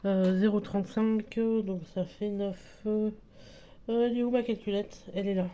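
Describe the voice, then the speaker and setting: A woman with a French accent, who has a cold, talks casually as she fills budget envelopes for her budgeting vlog, hesitating with many fillers and self-corrections. Her medium-pitched, mellow voice has fairly even intonation at normal speed, with a little hiss or hum.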